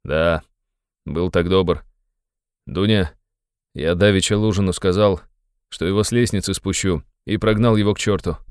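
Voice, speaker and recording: A man's voice: low voice, normal speed, pauses often, a little mellow, clear, resonant tone, no echo, clean studio sound, close to an everyday voice. A man reading an audiobook, voicing a feverish, exhausted young man who speaks curtly and harshly. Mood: irritable. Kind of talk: audiobook character voice.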